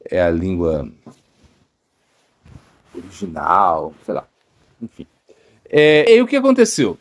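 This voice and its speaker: A man with a Brazilian Portuguese accent, a monk giving an informal devotional talk, halting often with fillers and tag questions. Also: sits low, huge pitch swings. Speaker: monk teaching a devotional lecture.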